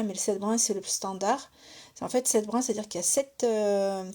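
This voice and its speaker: Chatty middle-aged woman, mellow voice. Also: mid-range voice. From France. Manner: chatty, asks "d'accord?" often, thinks aloud with fillers. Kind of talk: casual live crafting tutorial.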